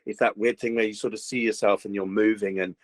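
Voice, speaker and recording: A man's voice: fairly low pitch, quick pace, no room sound, low-quality recording. Guy voice actor chatting away, lots of you-knows, dry booth sound. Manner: animated, many fillers and restarts. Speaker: voice actor guest. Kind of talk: casual interview chat. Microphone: home recording booth.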